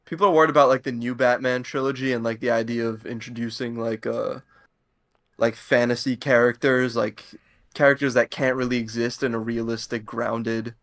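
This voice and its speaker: A man's voice: medium pitch, fairly even intonation, normal speed, a bit bright. A man in a casual chat who hedges and fills his speech with "like" and "uh". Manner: hedging, lots of fillers.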